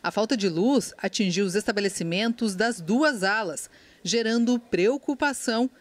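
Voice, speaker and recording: A woman with a Brazilian Portuguese accent reading a scripted news voice-over in a measured, formal way. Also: mid-range voice, no room sound. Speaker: news reporter. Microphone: studio voice-over.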